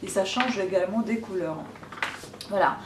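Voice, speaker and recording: A Ukrainian woman in her 30s, with a mid-range voice, chats hesitantly to camera while showing her gifts in a vlog, pausing often. She sounds distant from the mic in a roomy space, with background noise.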